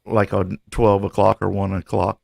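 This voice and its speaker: A man's voice: fairly low pitch, little pitch movement, normal speed, gravelly, mellow, no room sound. A man hosting a live stream in casual chat, laid-back, calling everyone bro, a bit short of breath.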